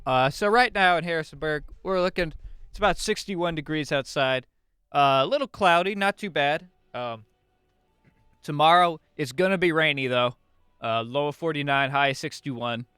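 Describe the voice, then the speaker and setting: A young man co-hosts a comedy radio show in a playful, halting way, stumbling through fillers as he goes. His voice is smooth and on the higher side, recorded dry and close on a studio mic. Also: bright, forceful tone, dry recording, soft background music.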